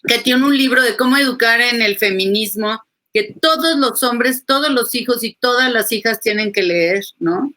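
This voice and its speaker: A woman's voice: a little high, normal speed, sharp tone. A woman, a psychoanalyst, talking animatedly on a webinar panel and acting out quoted phrases.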